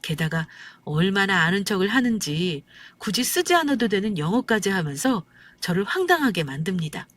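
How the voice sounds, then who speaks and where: A woman telling a first-person story in a calm, even, slightly aggrieved way. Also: mid-range voice, normal speed.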